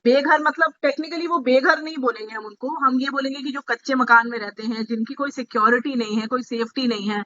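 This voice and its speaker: A woman's voice: sits high, brisk, few pauses, fairly bright tone, dull audio. A woman speaking to party members in an online meeting, explaining a scheme step by step, asking them to note things down and slipping in English terms. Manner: explanatory, asks listeners to take notes, mixes English terms. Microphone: video call.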